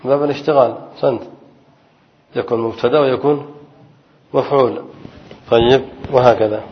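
A man teaching a classical grammar lesson. He poses questions to his students and answers them himself, and repeats key phrases slowly. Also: mid-range voice, fairly even intonation. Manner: reads the text aloud in a raised voice. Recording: muffled lo-fi lecture recording.

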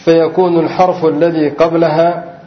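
A man's voice: on the high side, flat delivery, moderate pace. A man teaching Arabic grammar to a class, reading from a text and explaining it, often asking the students questions and answering them himself. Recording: roomy, muffled lo-fi recording.

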